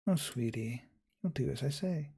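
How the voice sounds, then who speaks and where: A man's voice: medium pitch, lively intonation, normal speed, full character voice. Man whispering as a possessive young nurse. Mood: menacing. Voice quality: soft, breathy whisper. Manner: cooing, possessive. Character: sweetly menacing obsessive young woman nurse. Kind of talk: whispered role-play.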